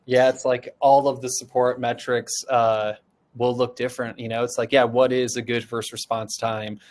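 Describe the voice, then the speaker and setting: A customer support expert from a software company joins a casual webinar discussion as a guest panelist, speaking informally and conversationally, often tossing out rhetorical questions as he thinks and saying "like" a lot. His voice is medium-pitched and darkish in tone, with little pitch movement and a normal pace.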